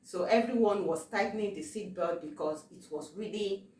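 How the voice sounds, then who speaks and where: A woman from Africa telling a personal testimony, halting, with many fillers and repeated words. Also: mid-range voice, darkish tone. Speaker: testimony vlogger. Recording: roomy, distant from the mic.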